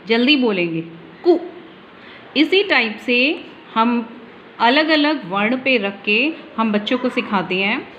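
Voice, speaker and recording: A woman teacher explaining a phonics lesson for young children patiently and step by step, with frequent pauses. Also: fairly high pitch, muffled recording, a little hiss or hum.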